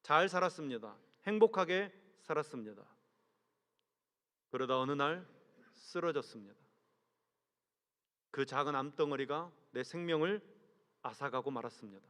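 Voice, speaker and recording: With measured, earnest delivery, a senior pastor asks his congregation rhetorical questions, his sentences trailing off low. The tone is fairly bright, recorded in a large church sanctuary with long reverb.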